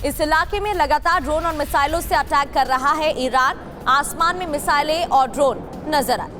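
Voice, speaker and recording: A woman newsreader delivering scripted headlines in a crisp bulletin manner. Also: sits high, normal speed, over music. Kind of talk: scripted news reading.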